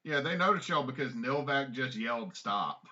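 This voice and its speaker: Give me a male game master with a bright, tense voice, talking in a relaxed way with fillers. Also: medium pitch, brisk. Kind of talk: narrating a tabletop game. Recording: dull lo-fi mic.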